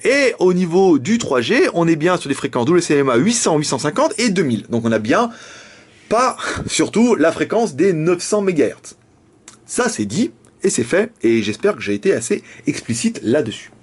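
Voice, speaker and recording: A man's voice: fairly high pitch, sing-song, moderate pace, husky. A young man with a casual, jokey manner, reviewing a phone and often laughing. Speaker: tech reviewer.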